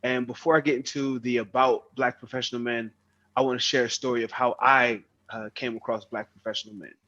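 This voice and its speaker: A man's voice: medium pitch, steady tone, fairly quick, a bit bright, muffled recording. A young man hosting an online meeting, speaking earnestly, often repeating words as he starts a phrase. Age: young adult. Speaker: meeting host.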